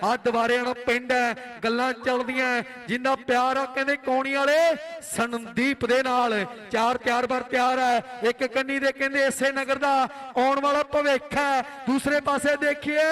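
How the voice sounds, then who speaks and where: A man's voice: very high voice, fairly bright tone. A man with an Indian Punjabi accent giving live rural sports commentary in a declamatory, verse-like way with repeated phrases. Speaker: kabaddi match commentator.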